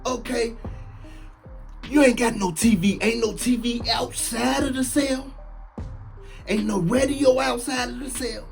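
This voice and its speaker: A man in his late thirties, a former prisoner, telling his story in casual, animated talk, full of slang and repeating lines for emphasis. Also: extremely high pitch, a little slow, creaky, long pauses, soft background music. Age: late 30s.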